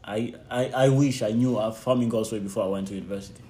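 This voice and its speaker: In a neighbourhood house with music playing, a young missionary team member from the Democratic Republic of the Congo is interviewed casually as a guest. A Swahili speaker using English as his second language, he talks softly and haltingly with frequent restarts and laughs, in a fairly low, steady voice, and the recording has a little hiss or hum.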